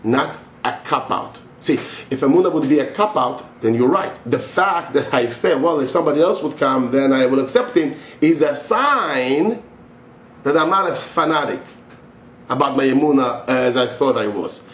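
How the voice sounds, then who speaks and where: A man's voice: medium pitch, expressive, moderate pace. A middle-aged man speaking as a religious teacher in an impassioned monologue, emphatic and insistent, often repeating himself. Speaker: religious teacher answering a question. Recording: echoey room with faint noise.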